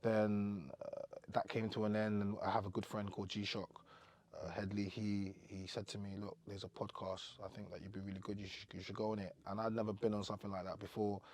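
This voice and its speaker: A young man from Cameroon, talking as a podcast guest in relaxed, rambling chat with plenty of fillers. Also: fairly low pitch, a little fast. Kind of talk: casual interview chat.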